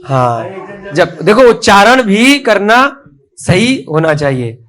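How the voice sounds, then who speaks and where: A man's voice: high voice, sing-song, slow, a bit bright. A male teacher giving a classroom spelling lesson, who spells words letter by letter and has the children repeat after him.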